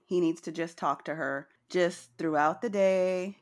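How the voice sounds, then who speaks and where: A woman's voice: lowish voice, steady tone, a little slow. A woman co-hosting a podcast, recapping a reality show in a chatty, laughing way with playful asides. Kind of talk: casual chat.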